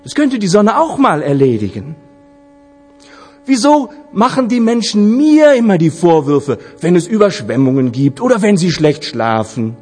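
A man's voice: mid-range voice, sing-song, takes it slowly, a little mellow, breathy edge, heavily acted. A man voicing a proud, touchy male moon who turns indignant and complains, recorded with long hall reverb.

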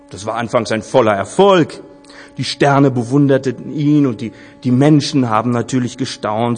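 A man telling a fable in a measured, dramatic way with pauses, recorded with long hall reverb, faint music and mains hum. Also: medium pitch, a little mellow. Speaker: storyteller. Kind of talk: slow, expressive storytelling.

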